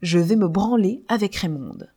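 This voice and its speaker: A woman's voice: medium pitch, animated, moderate pace, dark tone, breathy edge. A woman reading an audiobook, voicing a cruel, scheming libertine woman who speaks coldly and slyly. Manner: cold and sly.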